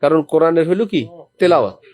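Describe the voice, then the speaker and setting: A man's voice: fairly high pitch, lively intonation, fast, a little mellow. A man preaching a sermon to a small gathering, reciting verses as examples and putting questions to his listeners. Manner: teaching with recited Quranic examples. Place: lodging during a visit to a holy city.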